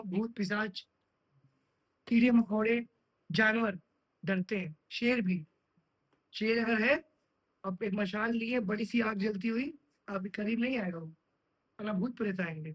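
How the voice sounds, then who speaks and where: A high-pitched, slightly bright male voice delivers a computer science lecture in a classroom. He regularly pauses to test his students with check questions. The recording is of low quality.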